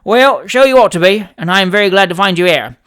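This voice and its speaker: A reader lightly acts out a cheeky young male manservant, speaking fast and animated at medium pitch with a clear, resonant tone. The character is dogmatic, forceful and wordy, drops letters in working-class dialect, and stays stubborn throughout.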